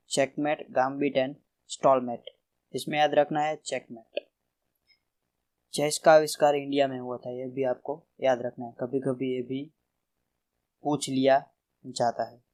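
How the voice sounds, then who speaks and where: A man's voice: medium pitch, darkish tone, rough recording. A man teaching a general knowledge revision lesson, reading out word lists and stressing each term. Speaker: quiz teacher.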